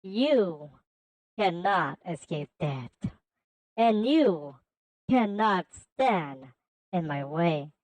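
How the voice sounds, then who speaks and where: A cold, menacing male villain, as a woman puts him on drawls grand threats at a slow, deliberate crawl and sneers at his foes as worms. The voice is dry and close, with no room around it. When his plans fall apart, the threats stammer into frantic cries. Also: lowish voice, big pitch swings, darkish tone, dry recording, voice pushed down, heavily acted, low-quality recording.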